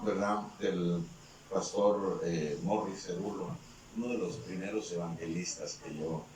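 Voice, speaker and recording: A man's voice: deep voice, a little mellow, far from the mic. A male pastor preaching a sermon as a story, often checking in with "¿verdad?". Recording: very echoey room, voice from afar, faint noise.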